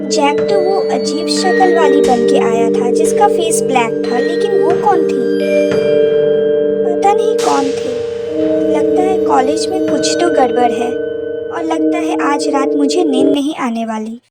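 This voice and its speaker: A young woman narrating a first-person cartoon horror story, jumpy and full of exclamations. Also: high voice. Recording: loud background music.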